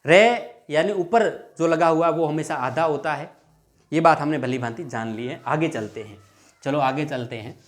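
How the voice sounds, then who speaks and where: A man teaching a Hindi grammar lesson for exam prep, explaining patiently, repeating words slowly and asking his students questions. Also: fairly high pitch. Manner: dictates rules word by word.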